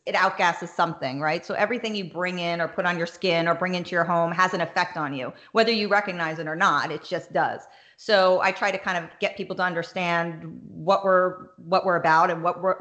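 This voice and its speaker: A woman's voice: fairly low pitch, fairly bright tone. A middle-aged woman, a guest expert on a podcast, chatting and reeling off lists as she explains. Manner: chatty, listing items in rapid runs. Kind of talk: podcast interview.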